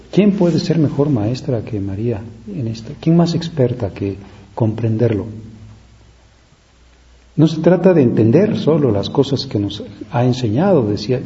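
Man, preacher, devotional sermon, deep mellow voice, reflective and unhurried, muffled lo-fi sound. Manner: reflective, slow, with pauses and rhetorical questions.

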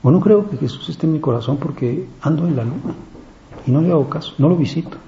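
A priest giving a reflective, conversational meditation on a gospel reading, pausing often and speaking in a gentle, searching way. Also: male voice, fairly high pitch. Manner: reflective, conversational preaching with many pauses and fillers. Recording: slightly dull, faint background noise.

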